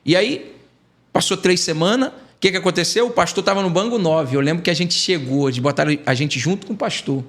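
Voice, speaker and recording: His voice sits high and moves a little fast. The speaker is a man from Brazil, an evangelist appearing as a podcast guest, who shares an emotional testimony through lively storytelling and acts out what people said.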